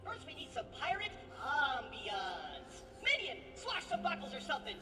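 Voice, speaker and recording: A woman voicing an excitable, bossy, playful girl game master in a video game, theatrical and quick to exclaim. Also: sits high, recorded from a distance, a little hiss or hum, full character voice. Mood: gleeful, scheming. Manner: theatrical, swinging between exclamation and mutter. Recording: echoey hall reverb, music behind.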